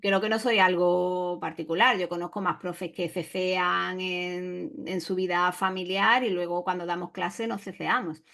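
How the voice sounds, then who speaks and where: A woman from Cádiz with a western Andalusian accent, a Spanish teacher chatting as a guest, thoughtful and full of small pauses and fillers. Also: fairly low pitch, steady tone, creaky, fairly bright tone. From Cádiz province, Andalusia, Spain. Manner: thoughtful, hesitant, with many fillers and restarts. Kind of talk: casual conversation.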